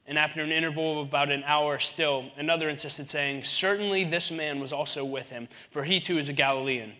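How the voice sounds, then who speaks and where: Bright-voiced animated male preacher. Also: a little high, a little fast. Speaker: pastor. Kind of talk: sermon.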